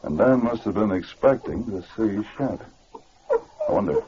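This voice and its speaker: An actor playing a steady, commanding Mountie sergeant in an old-time radio adventure. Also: male voice, fairly low pitch, normal speed, close to an everyday voice. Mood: pensive. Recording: muffled, noisy old radio recording.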